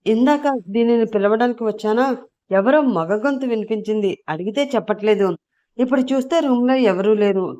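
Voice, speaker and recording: A woman's voice: fairly high pitch, a little fast, mellow, highs cut off, pitched above the performer's own voice, close to an everyday voice. A woman voicing an angry, suspicious middle-aged mother who scolds and interrogates her daughter.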